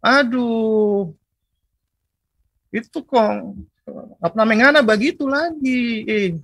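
A man voicing an expressive mother from eastern Indonesia who scolds her child loudly but fondly, with an Eastern Indonesian accent. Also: slow, creaky, no room sound, exaggerated voice. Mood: fond scolding. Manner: high-pitched, emphatic, expressive scolding.

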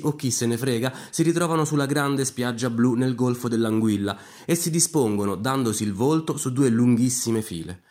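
A man narrates a comic fantasy story at a brisk clip. His pitch sits in the middle, and he drops in irreverent asides.

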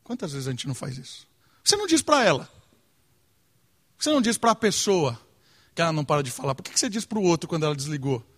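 A man delivers an earnest sermon. He leans on rhetorical questions and moves between soft, searching phrases and pointed emphasis. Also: on the high side, big pitch swings, quick pace, pauses often. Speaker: preacher.

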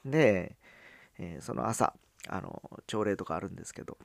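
A man from Fukuoka with a Hakata accent, telling a personal story in a casual monologue, pausing often on filler sounds. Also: low-pitched, lively intonation, creaky, no echo. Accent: Hakata dialect. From Fukuoka, Japan. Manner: halting, with frequent "um" fillers and drawn-out phrase endings.

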